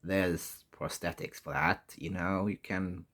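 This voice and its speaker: Male vlogger, lowish voice, very unhurried and halting, candid casual talk with mild profanity. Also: steady tone, fairly bright tone. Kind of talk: casual personal vlog.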